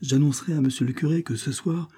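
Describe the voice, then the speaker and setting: A man reading the lines of a gentle old parish priest in a storybook, in slow, measured speech. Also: on the high side, fairly even intonation, husky, voice pushed up.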